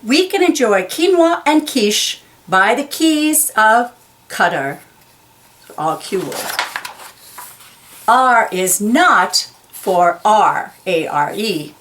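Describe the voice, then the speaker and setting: Her voice is medium in pitch, expressive, and a bit bright as she reads a children's picture book aloud. The woman speaks slowly and deliberately, enunciating key words with care and offering simple explanations for young listeners.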